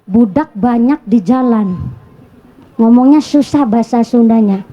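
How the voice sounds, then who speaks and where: A woman's voice: on the high side, a little slow, dark tone, dull audio. A woman preacher with a Banyumasan Javanese accent giving a humorous sermon, telling stories and putting rhetorical questions to her audience.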